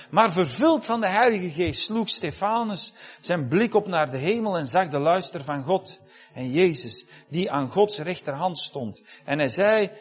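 A man's voice: high-pitched, husky. A man preaching a fervent sermon, punctuating it with "amen" and building to impassioned peaks.

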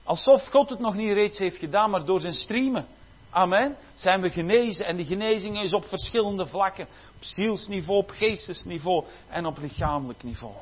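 A man preaching a sermon, swinging from loud exclamations to quiet asides, with frequent hallelujahs. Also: high-pitched, expressive, normal speed, slightly rough, muffled recording.

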